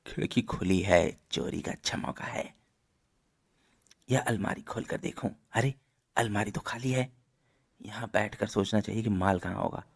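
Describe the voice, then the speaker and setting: A sneaky burglar voiced by a man creeps along, muttering in a hushed near-whisper in a comic read-along. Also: lowish voice, normal speed, creaky, pauses often, husky.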